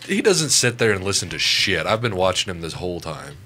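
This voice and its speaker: A man's voice: deep voice, sing-song, fairly quick, sharp tone, soft background music. A man with a Texan twang, co-hosting casual banter in a blunt, teasing manner. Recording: clearly noisy background with clicks.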